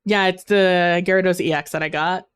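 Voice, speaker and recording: On her casual gaming stream, a woman uses a headset microphone and chats at a rambling pace with plenty of fillers while losing her voice. Her smooth, resonant, lowish voice has fairly even intonation and a moderate pace, with a dry, close recording.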